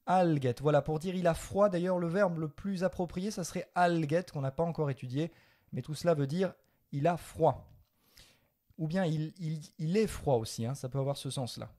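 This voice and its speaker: Patient French-speaking Latin teacher, mellow voice. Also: male voice, fairly high pitch, normal speed. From France. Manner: patient, explains and corrects, mixes Latin and French. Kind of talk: spoken language lesson.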